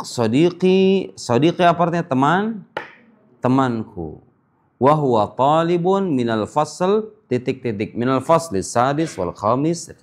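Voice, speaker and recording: Higher-voiced man drilling Arabic phrases. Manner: repeats phrases slowly for students to echo, playful asides. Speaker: Arabic teacher. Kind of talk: classroom language drill. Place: classroom.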